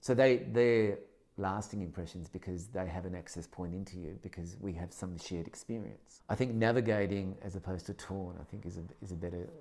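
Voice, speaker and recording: An Australian man in his fifties with a deep, mellow voice reflects on his career as a secondary school teacher in interview testimony. He speaks in a measured, thoughtful way, pausing and restarting phrases while gathering his thoughts.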